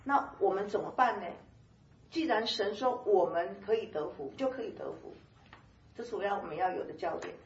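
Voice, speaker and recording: A woman giving a conversational sermon-style Bible teaching, lively and chatty, laughing often and dotting her talk with soft filler particles. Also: mid-range voice, moderate pace, echoey room, recorded from a distance, dull audio, slight background noise.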